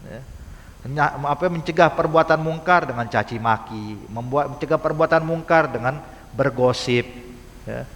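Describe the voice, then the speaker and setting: A man's voice: mid-range voice, moderate pace, a bit bright. A man giving a casual, conversational sermon in a mosque, often calling out to his audience and acting out quoted speech. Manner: casual Jakarta-style slang, addresses audience as hadirin. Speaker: preacher. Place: mosque hall. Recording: reverberant mosque hall.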